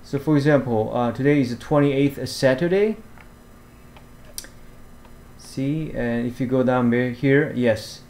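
A man narrates a screen-recorded walkthrough of fishing apps at an unhurried, slow pace. His pitch sits mid-range for a man, and he stops often, filling gaps with "uh" and "um" and restarting his sentences. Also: steady tone, darkish tone. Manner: halting, many fillers and restarts. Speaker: fishing vlogger. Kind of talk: screen-share app walkthrough. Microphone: voice-over to screen recording.

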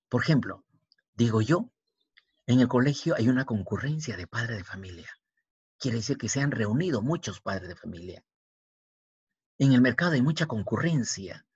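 A male teacher giving a language lesson, speaking slowly, spelling out letters one by one and repeating words. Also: mid-range voice, slightly rough, dry recording. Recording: dull, dry, lo-fi recording.

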